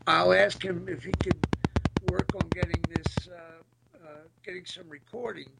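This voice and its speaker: Gritty, gravelly-voiced middle-aged man, reminiscing haltingly. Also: high-pitched, steady tone, heavy background noise. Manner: halting, hesitant, searching for words. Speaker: podcast guest, former military band musician. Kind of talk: casual reminiscing interview.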